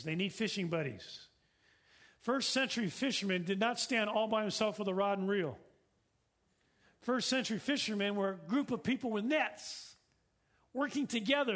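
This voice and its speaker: A man with a notably high voice delivers a sermon from the pulpit. He speaks earnestly, circling back to his points and posing questions to the room. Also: fairly bright tone. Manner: earnest, repetitive preaching with rhetorical questions. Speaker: pastor.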